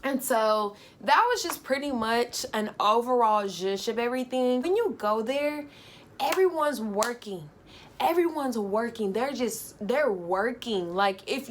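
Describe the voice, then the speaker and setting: A young woman vlogger telling a casual, animated travel story, full of fillers. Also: on the high side.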